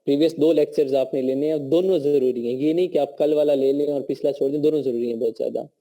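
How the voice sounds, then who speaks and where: Hoarse Pakistani man teaching an online class. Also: mid-range voice, steady tone, fast, mellow. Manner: conversational teaching, frequent check-ins. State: sore throat, coughing. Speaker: online course instructor. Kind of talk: live online class lecture.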